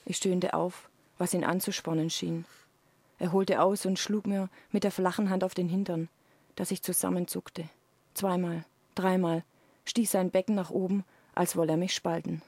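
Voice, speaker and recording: A woman reads an intimate passage from her own novel in a low, hushed voice. The sound is dry and close, with no room around it. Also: little pitch movement, normal speed, no echo. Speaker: author reading her own novel on the radio. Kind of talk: dramatic reading of an erotic novel.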